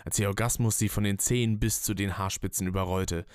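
Deep, smooth male narrator. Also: fairly even intonation, fairly quick, no echo, clean studio sound. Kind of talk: scripted narration.

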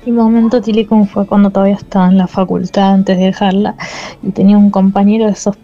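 Woman, listener voice note, very dark tone, dull lo-fi sound. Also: mid-range voice, little pitch movement, fast talker, soft background music. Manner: recounting an anecdote. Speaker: listener sending a voice message. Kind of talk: recorded voice message. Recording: dull voice-message audio.

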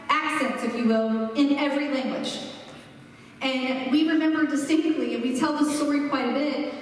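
A fairly high-voiced woman in her forties preaches in a relaxed, conversational way and tells stories with emphatic repeats. Her voice rings out through a large, echoey church hall. She is heard from some way off the mic. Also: distant mic, a little hiss or hum. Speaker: pastor. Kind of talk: sermon introduction. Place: church sanctuary.

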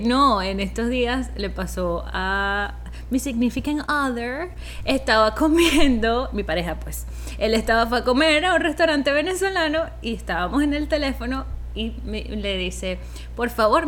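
Lively laughing woman, bilingual chatter. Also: a little high, measured pace, a little hiss or hum. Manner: animated storyteller, laughs often, mixes in English words. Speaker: podcast co-host. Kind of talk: casual chat.

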